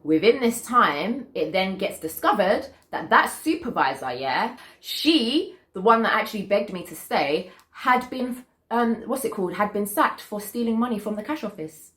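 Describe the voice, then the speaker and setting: A woman's voice: mid-range voice, lively intonation, normal speed, fairly bright tone. A young British woman telling a personal story casually, in an emphatic, indignant way, repeating points for stress. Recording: roomy echo.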